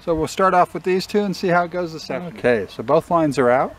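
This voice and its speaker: A middle-aged man talking casually to the camera on a riverbank, in a relaxed, matter-of-fact way with small restarts. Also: fairly high pitch, fast, slight background noise. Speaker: fishing vlogger. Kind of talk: casual outdoor commentary. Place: riverbank outdoors. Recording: faint outdoor nature ambience.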